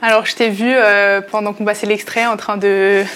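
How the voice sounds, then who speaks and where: A woman hosting a studio interview, asking measured questions and giving brief prompts. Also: mid-range voice, flat delivery, fairly bright tone, slight background noise. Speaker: interviewer, host of a daily news show.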